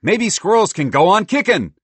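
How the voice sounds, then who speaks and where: A man voicing a chatty, bold little male squirrel in a storybook, talking loudly and excitedly. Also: high voice, moderate pace, breathy edge, no echo, voice pushed up, exaggerated voice. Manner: loud, excitable and boastful. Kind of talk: storybook voice acting.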